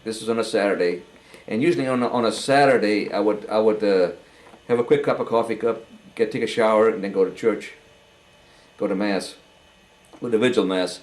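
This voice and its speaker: An older man giving a halting, earnest personal testimony, often repeating words as he goes. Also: lowish voice, low-quality recording. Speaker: interviewee.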